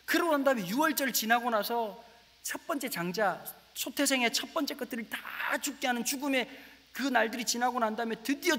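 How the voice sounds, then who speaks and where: A middle-aged man preaching a lively comic sermon as a guest pastor in a large church, storytelling with playful dialect bits. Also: very high voice, big-room sound. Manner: animated storytelling, slips into rustic dialect voices for laughs; says he talks very fast.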